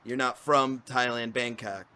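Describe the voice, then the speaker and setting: A man's voice: mid-range voice, fairly even intonation, unhurried, bright, forceful tone, clean tone. A man hosting a podcast on a video call, loose and hyped, swearing casually as he sets up introductions. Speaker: podcast host. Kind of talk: casual chat.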